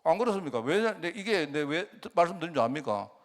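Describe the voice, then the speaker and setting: A male pastor in middle age, speaking with a Gyeongsang Korean accent, tells a story during a sermon. His voice sits fairly high and moves a lot, and he keeps throwing rhetorical questions at the congregation. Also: very animated, fairly quick.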